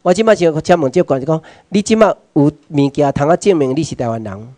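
This workshop lecture in a meeting hall comes from a man with a Taiwanese accent whose voice is fairly high and mellow. Expressive and fast, he peppers the audience with questions, sprinkles in Hokkien phrases, and moves from hushed asides to loud urging. The recording is close and dry.

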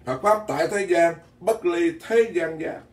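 A man's voice: on the high side, a little slow. A Buddhist monk gives a blunt, folksy dharma talk, often repeating words as he goes. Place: temple hall in Virginia. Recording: echoey hall, mic at a distance.

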